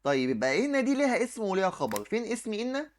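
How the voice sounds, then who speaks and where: Very fast and full of big pitch swings, a high male voice leads an exam review lesson. The speaker, an Arabic teacher with an Egyptian accent, writes on the screen, explains step by step, and answers the questions he asks himself.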